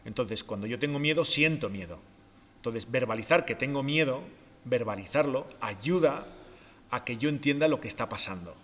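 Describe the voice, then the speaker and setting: A man, explaining ideas step by step on a podcast in a calm, reflective way, often posing rhetorical questions. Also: mid-range voice, moderate pace, long reverb tail. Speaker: podcast co-host, behavior expert.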